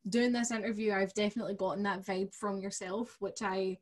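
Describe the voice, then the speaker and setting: A woman's voice: medium pitch, fairly even intonation, a little fast. A woman in her twenties with a Scottish accent, casually hosting a conversational interview into a studio mic. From Scotland. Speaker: interviewer and host. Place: small home studio room. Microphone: microphone on boom arm, close.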